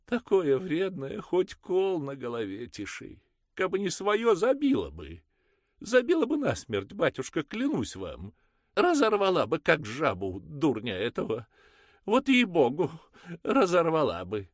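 A man doing a shrill furious peasant mother. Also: very animated, a little slow, no echo, clean studio sound. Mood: ranting. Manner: screeching, ranting. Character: shrill angry peasant mother, harsh and pious.

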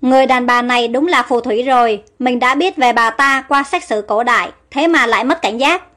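A woman's voice: fairly high pitch, a little fast, fairly bright tone, natural voice. A woman voicing an earnest young heroine in an audio storybook. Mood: alarmed. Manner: earnest, pleading. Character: young woman, trusting then frightened. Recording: faint music underneath.

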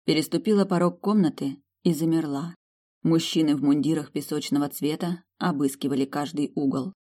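Woman narrator, low voice, ironic lively first-person reading of a fantasy romance. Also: fairly quick. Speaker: audiobook narrator.

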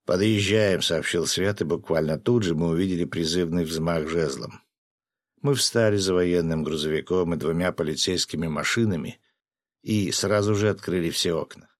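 A man narrating an audiobook in the first person, with a lively, expressive reading. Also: low voice, moderate pace, no echo.

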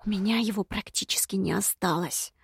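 A woman voicing a creaky ancient villain. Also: medium pitch, fairly even intonation, darkish tone, no echo, clean studio sound, close to an everyday voice. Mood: grumbling. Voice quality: creaky, raspy. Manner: slow, grumbling, menacing drawl. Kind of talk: audiobook character reading.

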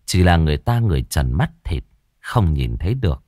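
A man narrating a horror story in a dramatic, expressive way. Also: a bass voice, fairly quick, no room sound, clean studio sound.

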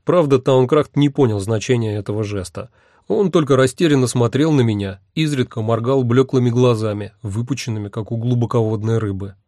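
A man narrating a first-person fantasy audiobook in a wry, even manner. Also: medium pitch, brisk, dry recording, clean studio sound.

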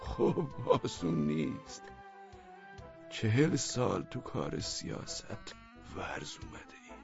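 A man voicing a shrewd, wily old man who speaks in courtly, mock-formal flattery. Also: medium pitch, vocal fry, voice pushed up. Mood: weary. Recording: dull, dry, with faint music.

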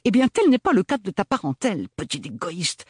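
A man's voice: sits high, wildly swooping pitch, fairly quick, breathy edge, no echo, clean studio sound, pitched above the performer's own voice, full character voice. A man voicing an effusive, coquettish young woman, the theatrical elder sister, in an audiobook. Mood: gushing, bossy. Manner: theatrical, gushing and bossy.

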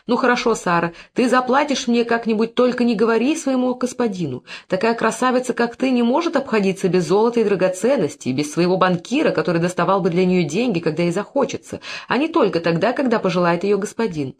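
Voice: mid-range voice, quick pace, hardly any pauses, lightly acted. A reader voicing a fawning, scheming Phoenician moneylender. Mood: pressing. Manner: oily flattery turning to angry cursing. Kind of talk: audiobook character reading.

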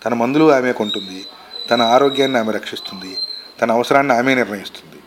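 A man reading a short story aloud in a measured, expressive storytelling manner. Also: medium pitch, noisy background.

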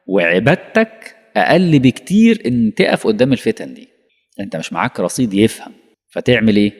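A man with an Egyptian Arabic accent preaches a colloquial lesson at a quick clip, in a fairly low voice. He pelts listeners with rhetorical questions and acts out little dialogues. A long hall reverb trails after his words.

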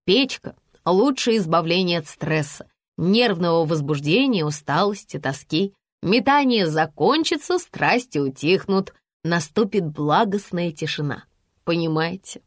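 Woman voicing a shaggy bear lady doctor, sighs a lot, calm and coaxing, lively tune, dry sound. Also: on the low side, measured pace, no echo. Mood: soothing. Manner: soothing, sighing. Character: shaggy she-bear doctor, sighing, greedy, soothing.

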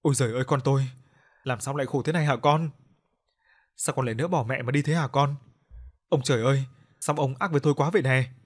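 A man's voice: mid-range voice, quick pace, pauses often, breathy edge, natural voice. A man doing a wailing, grief-stricken mother. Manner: wailing, lamenting. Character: grieving middle-aged mother wailing by her son's coffin.

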